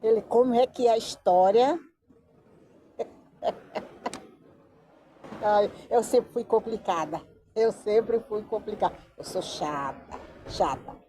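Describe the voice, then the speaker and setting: A woman's voice: a little high, slow, pauses often. A woman from telling a story casually outdoors by the beach, acting out the voices she quotes. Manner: lively, acts out quoted voices. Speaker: vlogger.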